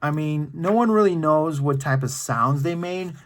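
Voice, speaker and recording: His voice is a little high and his pace normal as this man hosts story time for children. He reads with energetic, playful drama and casual side remarks to the young viewers.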